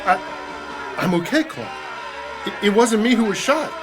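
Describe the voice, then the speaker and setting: A man playing a steady, compassionate military chaplain, earnest and reassuring, in an audio drama. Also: high-pitched, moderate pace, over a noisy crowd. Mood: urgent, firm. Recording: music behind the voice.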